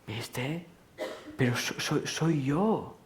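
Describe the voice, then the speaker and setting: A man giving a live talk to an audience in a large hall, speaking in a questioning, rhetorical way and gently teasing his listeners. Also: medium pitch, lively intonation, extremely slow, slight background noise. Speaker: speaker at a public lecture. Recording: roomy hall echo.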